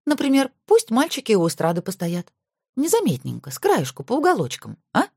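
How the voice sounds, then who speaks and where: A woman voicing a sly young woman dancer in an audiobook, coaxing and breathy. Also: on the high side, wildly swooping pitch, brisk, a little mellow, no echo, studio quality, voice pushed up, exaggerated voice.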